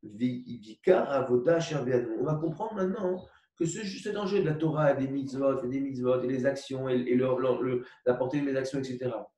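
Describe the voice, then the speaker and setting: A man's voice: mid-range voice, warm tone. Man lecturing in an echoey room. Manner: explains slowly with repetitions and asides, asks for agreement. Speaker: Torah teacher. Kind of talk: religious lecture with a parable. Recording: echoey room recorded from far off.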